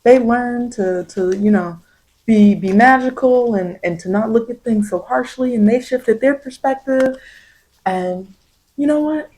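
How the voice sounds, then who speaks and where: A woman's voice: on the high side, a little slow, warm tone, low-quality recording. A woman improvising spiritual tarot guidance straight to the listener, encouraging and repeating phrases for emphasis. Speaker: tarot reader and ASMR host.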